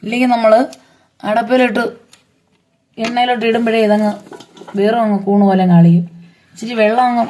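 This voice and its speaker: Middle-aged woman, hoarse throat, warm dark voice, chatty cooking vlog, faint background noise. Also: a little high, steady tone, a little fast, pauses often. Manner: chatty, homely explaining while working. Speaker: home cooking vlogger. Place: home garden and old dim kitchen.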